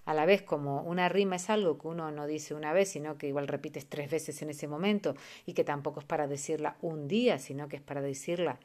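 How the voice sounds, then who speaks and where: A woman hosting an educational podcast, calmly explaining how children learn to read and slowing down to recite examples. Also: low-pitched. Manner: calm, explanatory, slows down to recite rhymes. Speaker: podcast host and early literacy educator.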